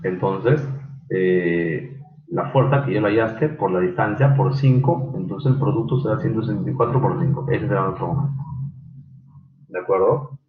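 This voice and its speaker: A low-pitched man teaches an online engineering class. He talks haltingly, full of fillers, and quizzes students by name. His voice comes through a thin, phone-like line in a roomy space with faint background noise. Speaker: engineering lecturer.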